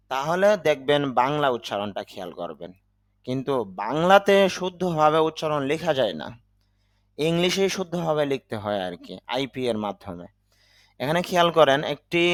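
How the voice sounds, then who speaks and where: Slow, patient male English teacher. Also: fairly high pitch, no room sound, clean studio sound. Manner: slow, explains each sound step by step. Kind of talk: vocabulary lesson.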